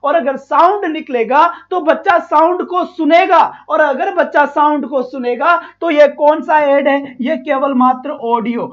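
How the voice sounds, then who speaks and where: A man's voice: very high-pitched, a little slow, hardly any pauses, fairly bright tone. A man teaching a live online exam-prep lesson, repeating each point, quizzing students and praising them. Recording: dull lo-fi stream audio.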